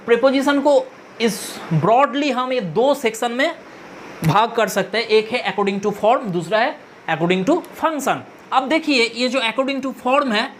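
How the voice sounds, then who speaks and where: A woman with a fairly high voice teaches a grammar lesson at an unhurried pace. She is deliberate and methodical, saying each new term twice so it sticks. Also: slight background noise. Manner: slow, deliberate, repeats key terms. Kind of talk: explanatory lesson.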